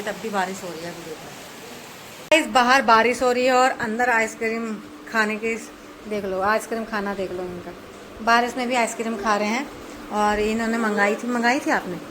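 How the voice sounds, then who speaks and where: Mother in her 30s hosting a home vlog on a phone camera; conversational, slightly higher pitch, steady background noise. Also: normal speed. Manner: chatty, scolds children in sharp higher bursts. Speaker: vlogger mother. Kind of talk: casual family vlog narration. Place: home and outdoors in rain.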